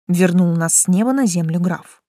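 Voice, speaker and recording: A woman reading a first-person novel aloud in a wry, lively storytelling manner. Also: mid-range voice, no echo, clean studio sound. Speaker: audiobook reader.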